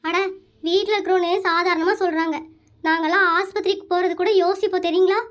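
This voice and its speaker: In a comic cartoon, a woman voices a put-upon, middle-aged village housewife who complains with a Kongu Tamil accent. Her very high-pitched delivery is fast and fairly even in intonation, with a slightly bright sound, and her manner is plaintive.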